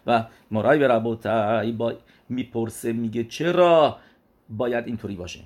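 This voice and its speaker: A man's voice: medium pitch, flat delivery, darkish tone. A man giving an explanatory religious lesson. He poses questions and answers them himself, weaves Hebrew religious terms into his speech, and often repeats and restarts phrases as he explains. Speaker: religious teacher.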